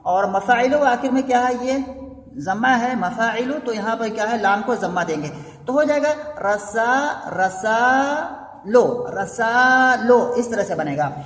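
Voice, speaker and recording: A man's voice: extremely high pitch, lively intonation, normal speed. A man teaching a blackboard grammar lesson, patiently repeating each step and asking rhetorical questions as he goes. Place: classroom with a blackboard. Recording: echoey room with long reverb.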